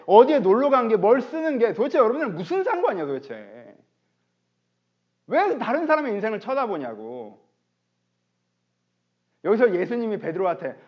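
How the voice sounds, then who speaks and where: A male pastor giving a chatty, animated sermon, speaking directly to his congregation. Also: high voice. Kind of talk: conversational sermon. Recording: dull lo-fi online stream.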